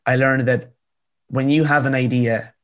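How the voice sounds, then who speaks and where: A man's voice: medium pitch, fairly even intonation, a little slow. A man in his twenties with a rural Irish accent, telling his story in an earnest, emphatic conversational way, repeating phrases for effect. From County Cavan, rural Ireland. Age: 20s. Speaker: interview guest, author.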